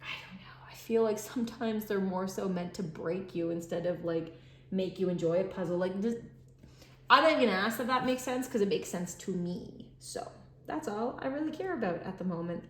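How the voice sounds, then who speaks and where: A tired woman runs a puzzle channel from home, talking off the cuff and rambling with plenty of fillers. Her voice sits in the middle range, somewhat bright, at a moderate pace, and the room is reverberant. While she works the puzzle she sometimes drops into mutters and whispers.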